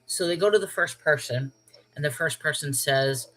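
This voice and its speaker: Chatty woman from New York, lower voice. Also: moderate pace, a bit bright, low-quality recording. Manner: chatty, checks in with "okay?" and "all right?"; wondering aloud, rhetorical questions. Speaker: channel host. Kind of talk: casual storytelling livestream.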